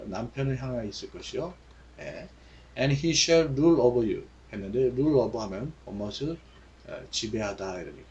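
A male teacher leads a Bible English lesson at a very unhurried pace. He reads each verse slowly, then explains it with frequent fillers. The recording sounds dull and slightly lo-fi. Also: medium pitch, darkish tone.

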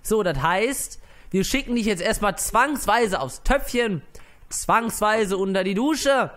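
A man's voice: sits high, lively intonation, slow, fairly bright tone. A man giving casual let's play commentary, brash and mocking, swearing at the game characters.

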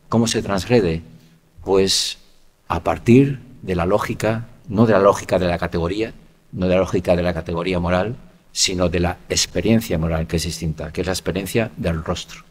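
Hombre, acento español, conferenciante, tono reflexivo, coletilla interrogativa frecuente, sala con eco largo. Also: male voice, low voice, breathy edge. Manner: reflective, many rhetorical "¿no?" tags. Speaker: lecturer. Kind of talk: conference talk. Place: conference hall. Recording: lecture hall with long reverb.

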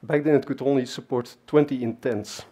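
A man speaking at a normal speed, in a medium-pitched voice with a dark tone and fairly even intonation, gives a laid-back technical conference talk. He's a native Dutch speaker on a large dark stage, talking conversationally with many fillers and asides.

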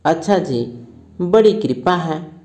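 A courteous father answers the doctor's questions with deferential replies, as a reader puts him on. He speaks slowly in a mellow voice. This comes from a school play read aloud. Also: medium pitch, expressive. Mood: polite.

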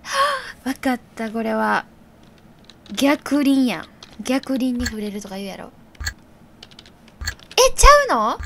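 A high-pitched woman with a Kansai accent who streams games and reads quiz questions aloud in a casual, excitable way. She mutters her guesses and then shouts out her answers. Keyboard clicks come through clearly in the background of her desk mic. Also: a little slow, long pauses, slight background noise. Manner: excitable, thinks aloud, bursts into loud reactions. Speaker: game streamer. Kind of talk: casual live quiz commentary.

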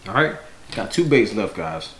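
Very animated at a moderate pace, a man in his thirties with a lowish, slightly bright voice explains a product to the camera in casual fishing-vlog style, unscripted and self-correcting. He is indoors at home in a room with windows, and the noisy home camera audio echoes.

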